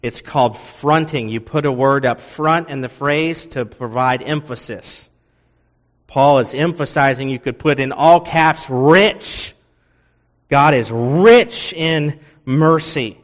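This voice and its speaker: A man's voice: mid-range voice, measured pace, big-room sound, muffled recording. A man preaching an earnest sermon, explaining a passage and repeating key phrases for emphasis. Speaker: pastor.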